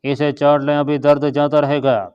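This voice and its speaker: Curt, displeased middle-aged healer, brusque and grudging, read by a man narrator, flat and clear, slightly muffled audio. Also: fairly high pitch, moderate pace, no room sound, natural voice.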